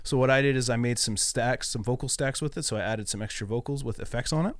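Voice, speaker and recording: A young music producer cheerfully explains how he built a remix in a casual, upbeat studio walkthrough. His mid-range voice moves quickly, with clean, echo-free studio sound quality.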